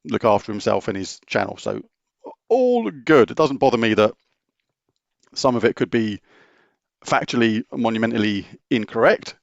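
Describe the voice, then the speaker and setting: Viewer questions get a rambling, matter-of-fact treatment from this middle-aged British man who hosts a YouTube gaming channel, frequently restarting what he says. His voice is medium in pitch with a gravelly edge. The audio is close and dry, free of echo, and slightly dull and lo-fi.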